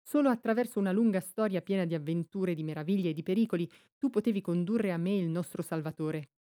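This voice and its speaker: A woman voicing a serene, wise child empress in an audiobook, speaking softly and gently. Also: fairly low pitch, quick pace, no room sound, clean studio sound, lightly acted. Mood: gentle. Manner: soft, gentle, quiet.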